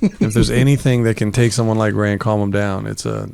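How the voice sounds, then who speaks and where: Low gravelly man hosting a comedy podcast. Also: fairly even intonation, fairly quick, a little mellow, no echo. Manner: rambling, self-deprecating, laughs often. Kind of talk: casual comedy podcast chat.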